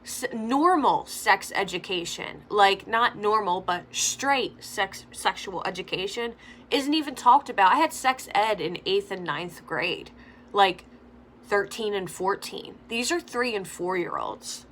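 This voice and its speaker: Young woman makeup vlogger, chatty opinion piece, bright forceful voice, faint hiss behind. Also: medium pitch, lively intonation, a little slow. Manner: chatty, frequent "like" fillers. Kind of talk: opinionated commentary during makeup tutorial. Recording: faint background noise.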